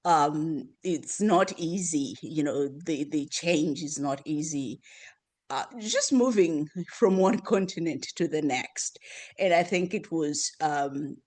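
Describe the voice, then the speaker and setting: A woman in her fifties from Zimbabwe, a guest in an interview, soft-spoken and laughing often, with many pauses and ums. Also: low voice. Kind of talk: interview conversation.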